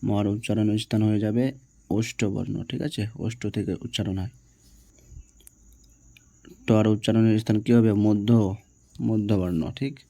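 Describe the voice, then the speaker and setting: Low flat-voiced man teacher. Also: measured pace, creaky, pauses often, no echo. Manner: reads each question, answers it, checks with "ঠিক আছে?". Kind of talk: exam answer walkthrough.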